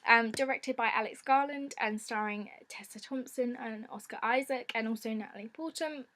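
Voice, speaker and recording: A woman with a croaky voice, chatting casually and informally as she presents a film vlog. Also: fairly high pitch, normal speed, fairly bright tone. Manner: informal, giggly. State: croaky from a lingering ailment. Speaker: film vlogger.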